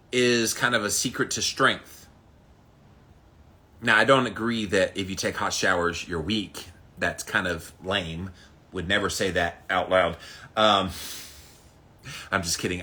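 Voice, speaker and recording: Forceful, low-pitched man on a livestream. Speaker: host of a daily ice bath challenge livestream. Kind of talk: casual livestream chat, greeting viewers by name.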